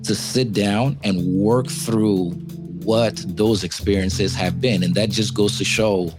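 A man from the USA, a guest on a podcast, speaking in a calm, measured way with what others call a radio voice. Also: fairly low pitch, over loud music. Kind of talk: casual podcast conversation.

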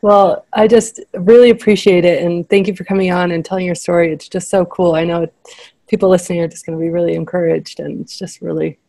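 A woman's voice: on the low side, fairly even intonation, brisk, vocal fry, warm tone, no echo. A woman, chatting casually and encouragingly as a podcast host. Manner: appreciative, encouraging. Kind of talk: casual interview chat.

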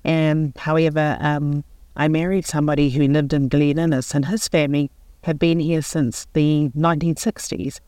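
A New woman around sixty, a local board chair, speaking in a radio interview in an earnest, unhurried way and pausing to find her words. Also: sits low, little pitch movement, warm tone, no echo. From New Zealand.

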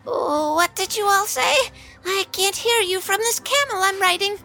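A woman's voice: very high-pitched, normal speed, vocal fry, sharp tone, soft background music, full character voice. A woman playing a befuddled old grandmother who is hard of hearing, in a children's audio story. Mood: bewildered. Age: older.

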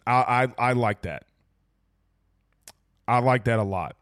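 Reading out viewer comments on his casual sports talk show, a hoarse man gets excitable and emphatic, repeating lines for effect. He speaks at medium pitch and takes his time.

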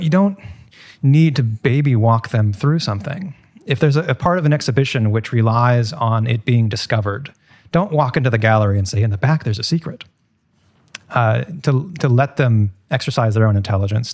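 A man's voice: mid-range voice, a little mellow. A man speaking as a museum tour guide guest in a podcast conversation, casual and reflective.

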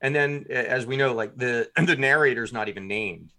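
Here a guest in an interview recounts anecdotes in an animated, self-mocking style, dropping in quoted asides along the way. His pitch is medium and his speed normal.

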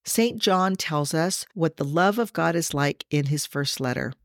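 Low-voiced woman teaching her faith. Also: expressive, no echo, studio quality. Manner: earnest, slows down to stress scripture; addresses listeners directly. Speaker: podcast host. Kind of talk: devotional podcast teaching.

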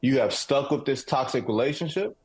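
Brief: man from Detroit, mid-pitched sports co-host, dry and guarded. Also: a little fast. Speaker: podcast co-host. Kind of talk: casual sports talk.

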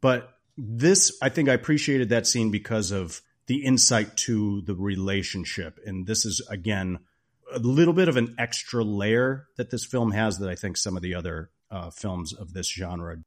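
A man reflecting on a film in casual podcast talk. He is measured and thoughtful. His voice sits a little low. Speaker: podcast co-host. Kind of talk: casual movie discussion.

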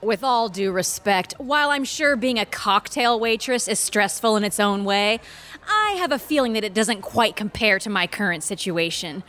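An actress playing an anxious, ambitious lawyer who talks formally and stammers in an audio drama. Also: female voice, mid-range voice, animated, moderate pace, fairly bright tone, natural voice. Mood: flustered formal. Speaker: lawyer, senior associate.

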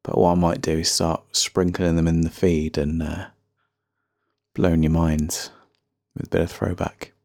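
A man's voice: sits low, flat delivery, measured pace, creaky, a little mellow, no room sound, clean studio sound. A man with a faint Birmingham accent hosting a casual solo music podcast, chatty, rambling and self-deprecating. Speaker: podcast host.

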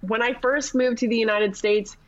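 A woman's voice: a little high, lo-fi sound. Canadian woman telling stories. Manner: storytelling, animated, quick laughs. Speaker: guest, sports TV reporter. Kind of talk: casual chat.

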